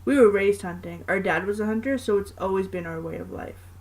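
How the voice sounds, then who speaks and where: A woman's voice: mid-range voice, a little fast, a little mellow, lightly acted, low-quality recording. A woman voicing a kind young male monster hunter in a read-aloud fanfiction, with an earnest, conversational delivery. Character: young man hunter, kind, gentle older-brother type.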